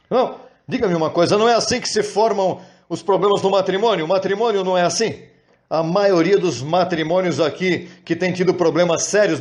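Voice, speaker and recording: A man preaches with real animation. His voice sits fairly high, and he stretches words out for emphasis. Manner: animated, acts out quoted prayers in high wailing voices. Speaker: pastor. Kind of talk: sermon.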